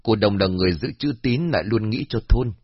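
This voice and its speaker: A man voicing a calm, fair-minded elderly village man who explains and reasons with the others in a storybook reading. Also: fairly low pitch, fairly quick, slightly rough, no echo. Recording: dull lo-fi.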